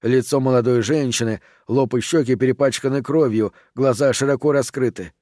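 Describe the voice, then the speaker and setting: A man narrating a horror audiobook in an even, steady reading voice. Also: mid-range voice, moderate pace, no room sound, studio quality.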